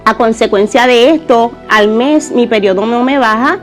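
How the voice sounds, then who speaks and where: A woman's voice: fairly high pitch, normal speed, soft background music. A woman giving an earnest, conversational personal testimony in church.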